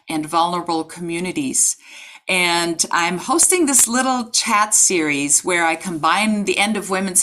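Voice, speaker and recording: A middle-aged woman hosting a video-call interview series from her home, speaking articulately and asking long, carefully framed questions. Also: fairly low pitch. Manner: articulate and warmly admiring, longer framed questions. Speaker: host. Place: home room with bookshelf and red rug. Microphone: video call webcam.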